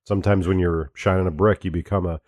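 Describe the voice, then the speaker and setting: A man's voice: low voice, fairly even intonation, quick pace, a little mellow. A man co-hosting a casual podcast, rambling with fillers and restarts. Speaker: podcast co-host.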